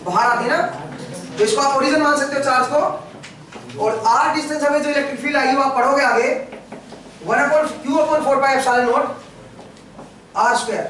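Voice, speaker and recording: A man's voice: extremely high pitch, normal speed, long pauses, fairly bright tone, a little hiss or hum. A man teaching an engineering class, firing questions at his students and answering them himself. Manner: questioning, prompts students constantly. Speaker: engineering lecturer. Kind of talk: classroom lecture. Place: large echoey classroom. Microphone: camera far from the speaker. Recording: echoey classroom from far off.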